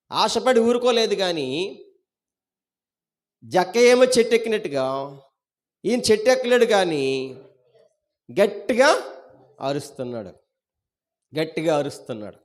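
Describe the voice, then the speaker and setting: A male pastor with a Telugu accent preaching a sermon, asking the congregation questions and repeating key phrases. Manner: rises loud on key words, then drops low at line ends.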